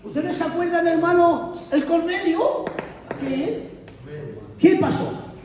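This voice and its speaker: High-voiced man preaching in an echoey hall. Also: slow, far from the mic, background noise. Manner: emphatic, dramatic retelling, calls on the congregation, bursts into shouts. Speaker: visiting preacher. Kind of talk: animated Bible teaching. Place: church hall.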